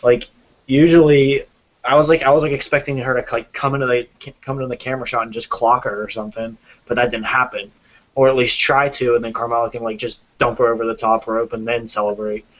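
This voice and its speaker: A man at an everyday middle pitch chimes in bluntly on a podcast, swearing freely and sounding exasperated. The audio is dull and lo-fi, a home podcast recording. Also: little pitch movement, a little fast. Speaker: podcast co-host. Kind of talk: casual wrestling review chat.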